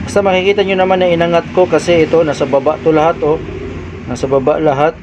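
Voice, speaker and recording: A man giving a casual hands-on lesson on setting up a mixer, explaining step by step and shouting test calls into a microphone. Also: on the high side, level tone, fast. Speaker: sound equipment tutorial host. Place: room with a mixer and powered speaker. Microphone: handheld microphone, held at varying distance. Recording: dull sound with faint background noise.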